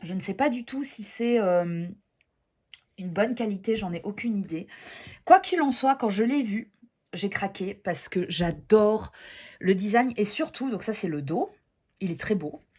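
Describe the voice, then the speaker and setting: A woman's voice: mid-range voice, lively intonation, measured pace, darkish tone, slightly rough. A woman chatting casually as she shows tarot and oracle decks, gushing and self-deprecating, with many fillers and restarts. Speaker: tarot and oracle deck reviewer. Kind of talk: casual show-and-tell chat.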